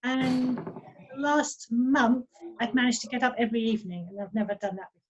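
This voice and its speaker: A woman's voice: on the high side, steady tone, fairly quick, highs cut off, a crowd in the background. A woman chatting cheerfully on a video call, laughing now and then. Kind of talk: casual chat.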